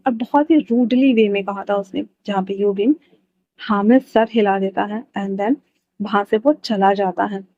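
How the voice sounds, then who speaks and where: A woman's voice: medium pitch, dark tone, no room sound, lo-fi sound. A woman casually narrating a fan-fiction story in a chatty way, mixing in English words.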